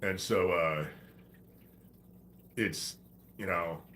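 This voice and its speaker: Congested from a head cold, this livestream host talks in a loose, rambling, profane manner. His voice sits low, bright and forceful, at a very slow pace, with a little hiss or hum in the recording.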